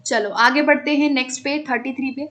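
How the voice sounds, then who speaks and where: A woman's voice: sits high, steady tone, brisk, a bit bright. A woman teaching an online exam-prep class, explaining step by step, checking again and again that students follow, and mixing English terms into her talk.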